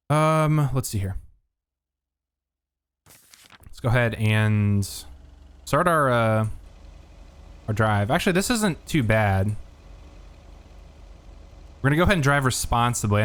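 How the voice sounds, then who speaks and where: Low-voiced man streaming a game. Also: clean tone. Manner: relaxed, thinking aloud. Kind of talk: casual gameplay commentary.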